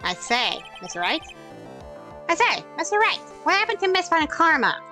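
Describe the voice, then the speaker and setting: A woman's voice: very high voice, very animated, moderate pace, music in the background, pitched above the performer's own voice. A woman voicing a formal, grumpy old man, a courtroom judge in a video game. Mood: stern, formal. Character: old male judge presiding over a courtroom trial. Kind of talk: amateur video game voice-over.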